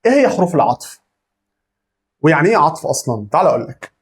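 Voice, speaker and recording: A man's voice: fairly high pitch, very animated, racing. A young man with an Egyptian accent teaching a grammar lesson, asking and answering his own questions. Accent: Egyptian Arabic. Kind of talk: lively classroom-style grammar lesson.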